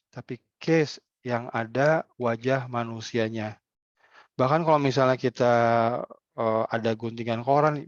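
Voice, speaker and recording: A man giving a casual workshop talk on health communication, acting out example dialogues with sudden lively jumps in pitch. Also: no room sound. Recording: dull muffled sound, dry.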